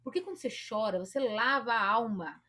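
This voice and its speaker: A woman's voice: a little high, a little fast, pushed and bright. A woman therapist with a Brazilian Portuguese accent giving emphatic, demonstrative advice straight to the viewer. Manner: emphatic, demonstrative, quotes her own inner voice. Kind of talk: direct-to-camera advice talk.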